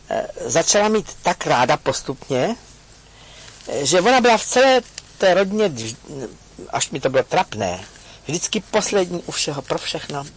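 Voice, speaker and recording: Man telling a personal story to a crowd, husky voice, pitch jumps all over, earnest and kind of halting. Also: rough recording. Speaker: speaker addressing an audience. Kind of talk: confessional storytelling talk.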